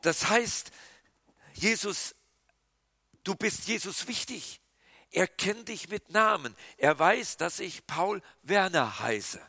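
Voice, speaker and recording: A male pastor delivers a sermon in a bright, forward voice pitched a little high. He moves between emphatic, louder lines and hushed, quiet ones. The recording is close and dry, with no room sound. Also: lively intonation, takes it slowly, creaky, no echo.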